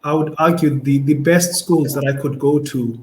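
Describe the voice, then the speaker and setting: A man's voice: on the high side, steady tone, normal speed, roomy sound, a little hiss or hum, low-quality recording. A young man with a South African Xhosa accent, a podcast guest talking in a thoughtful, casual way and often repeating words as he searches for them. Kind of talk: casual conversation.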